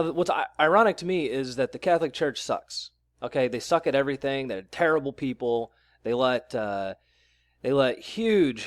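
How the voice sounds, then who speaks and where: A man's voice: medium pitch, no room sound. A man vlogging in a blunt, sarcastic ranting style. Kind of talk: ranting commentary vlog.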